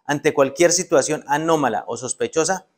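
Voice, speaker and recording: A police commander reading a formal statement in a measured manner from an indoor office. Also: male voice, a little high.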